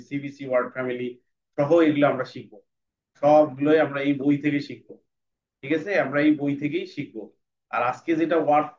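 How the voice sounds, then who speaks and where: A man teaching an online class, patiently repeating letter drills slowly and then quickly over a video call. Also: medium pitch. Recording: distant muffled video-call audio with faint noise.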